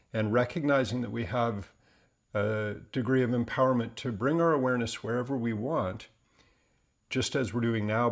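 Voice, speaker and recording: A man with a medium-pitched voice guides a meditation, speaking gently and deliberately without hurry and leaving long pauses between phrases.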